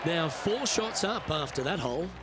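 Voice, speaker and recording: A man's voice: on the high side, animated, moderate pace, a loud crowd, very noisy. A man giving golf commentary as the lead announcer of a tournament.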